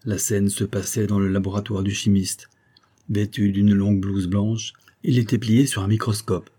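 A male narrator reads a classic novel aloud at a steady, measured pace. His voice is low and dark with a husky grain, and the telling stays even and composed.

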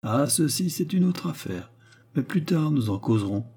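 A man voicing a scheming, mocking baronet of about thirty, raising his voice to sound smooth, teasing and coldly calculating in an audiobook reading. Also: on the high side, expressive, normal speed, warm tone, pitched above the performer's own voice.

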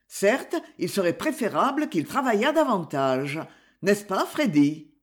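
A self-assured young gentleman detective lays out his deductions step by step, voiced by an audiobook reader. His delivery is measured, with a lively, rising and falling pitch, and the voice sits mid-range. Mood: explaining. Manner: measured, explanatory storytelling. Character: confident gentleman detective, young adult man. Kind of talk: audiobook character reading.

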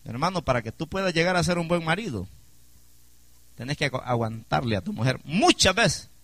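A pastor preaching with a lively, swinging delivery and a bright, forceful tone. He stays emphatic and keeps asking the congregation questions, calling for amen. His voice sits a little high and sounds dry and close. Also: a little fast, no echo. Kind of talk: sermon.

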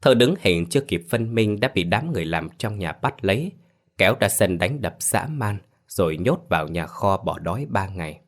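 A man with a deep, low voice narrates a scripted ghost story. His reading is steady and even, with no rush. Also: moderate pace.

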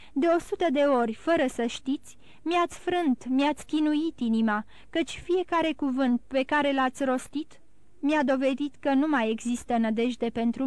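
A woman's voice: sits high, smooth, no room sound, lightly acted. A woman reading a despairing young man. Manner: gentle and bitter, earnest. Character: despairing young man, gentle yet resolute. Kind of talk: audiobook reading.

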